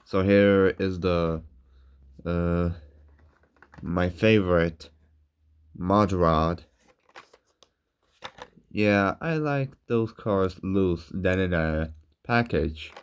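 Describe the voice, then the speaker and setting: A man casually narrating a toy car unboxing in slow, halting, simple phrases, talking with a sore throat and candy in his mouth. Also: sits low, clean tone.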